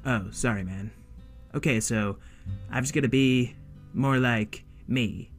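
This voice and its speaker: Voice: medium pitch, slow, soft background music, voice pushed down. A storyteller voicing a laid-back young robot who says like, uh and dude a lot. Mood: glum. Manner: slacker talk, full of like and uh.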